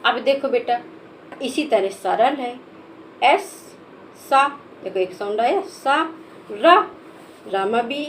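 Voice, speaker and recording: A woman teacher leads a children's lesson, spelling out each word letter by letter. Her voice sits a little high, and she speaks very slowly and patiently. Faint background noise can be heard behind her. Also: lively intonation, low-quality recording. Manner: patient, spells letters one by one, calls listeners "beta". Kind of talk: slow step-by-step children's lesson.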